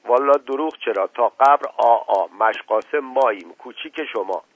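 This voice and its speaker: A man's voice: mid-range voice, no echo, close to an everyday voice. A man doing a meek, folksy old servant. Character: humble old male servant with a folksy catchphrase. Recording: dull lo-fi recording.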